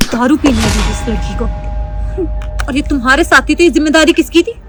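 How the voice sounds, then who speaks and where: A woman's voice: high-pitched, expressive, brisk, over music. A woman acting a stern, protective elder sister-in-law who scolds and lectures. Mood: angry lecturing. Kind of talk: web sketch acting.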